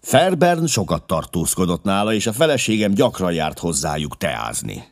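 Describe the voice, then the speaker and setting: Deep-voiced man reading expressively. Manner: expressive, emotional, with sudden drops to a hush. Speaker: audiobook narrator. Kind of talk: dramatic first-person audiobook reading.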